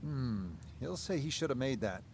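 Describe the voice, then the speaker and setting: A man giving golf commentary as the play-by-play announcer, speaking in short, measured observational phrases. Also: medium pitch, lively intonation, gravelly, darkish tone, a little hiss or hum.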